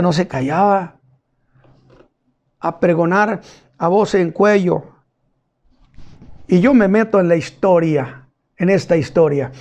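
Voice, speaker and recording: A male pastor preaching a sermon and retelling a scripture story vividly and deliberately. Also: sits high, darkish tone.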